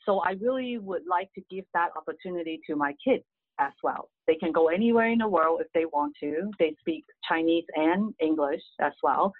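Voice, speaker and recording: A deep-voiced middle-aged woman talks at a moderate pace, with no room sound on the tinny, dry phone line. Originally from Hong Kong and a first-language Cantonese speaker, she is a real estate agent appearing as an earnest guest, answering casually with many "you know" fillers.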